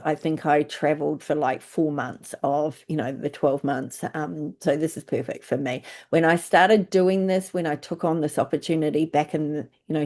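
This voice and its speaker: Chatty New Zealand woman, mellow voice. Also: sits low. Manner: chatty, lots of fillers. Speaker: travel agent recruiter. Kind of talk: informal presentation.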